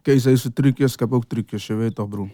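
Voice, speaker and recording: Young male rapper guest, mellow dry voice, loose street-slang delivery. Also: medium pitch, fairly even intonation, normal speed, no room sound. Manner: laid-back, street slang, constant "je weet toch". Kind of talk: casual interview chat.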